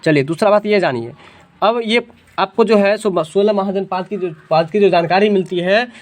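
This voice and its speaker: A man's voice: high voice, moderate pace. Male coaching teacher drilling students. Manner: keeps checking if students follow; drills students by call and response. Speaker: general knowledge teacher. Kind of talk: exam coaching class with memory tricks.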